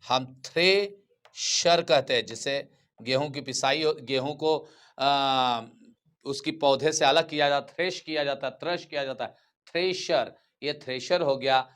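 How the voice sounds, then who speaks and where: A man's voice: medium pitch, a little slow, a bit bright, clear, resonant tone. A male teacher giving a grammar lecture, who keeps repeating key terms and asking his students questions before answering them himself.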